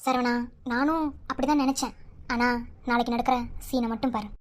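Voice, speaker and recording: A woman's voice: a little high, steady tone, brisk, close to an everyday voice. A woman voicing a bold, self-assured young wife who teases her husband and jokes about hitting him in a cartoon. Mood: confident. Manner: teasing, self-assured, threatening in jest. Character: bold, confident young wife with a sharp tongue. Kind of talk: cartoon voice acting.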